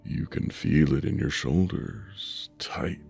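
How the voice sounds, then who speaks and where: Very deep, gravelly man guiding sleep meditation. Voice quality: deep rumbling voice. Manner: slow, soothing, hushed delivery with long pauses. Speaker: meditation guide. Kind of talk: guided sleep meditation narration. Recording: soft music bed under voice. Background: soft music.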